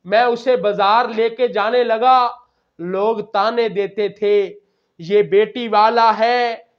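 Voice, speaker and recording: A man preaching a Friday sermon, retelling stories with dramatic, impassioned quotes. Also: very high-pitched. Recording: dull lo-fi recording.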